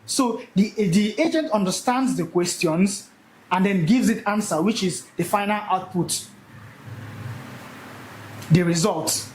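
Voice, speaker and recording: A young man teaching a live session, animated and repeating key words for emphasis. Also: high voice, measured pace, long pauses, roomy sound, slight background noise, rough recording. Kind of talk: energetic classroom teaching.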